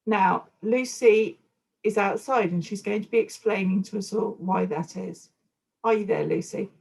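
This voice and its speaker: A woman hosting a live online session as volunteer coordinator, friendly and steady with some fillers, on a video call. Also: mid-range voice, measured pace, gravelly, husky, poor audio.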